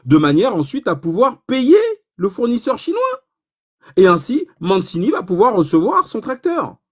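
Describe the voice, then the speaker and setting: Animated man explaining economics. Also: sits high, moderate pace. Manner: animated, rhetorical questions, provocative asides. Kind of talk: informal lesson.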